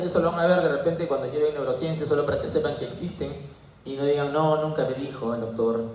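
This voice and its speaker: Male lecturer, slightly high voice, quizzes the class, far off in a booming hall. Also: darkish tone. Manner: asks students questions and answers them himself. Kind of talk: university lecture. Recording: very echoey room, from far off.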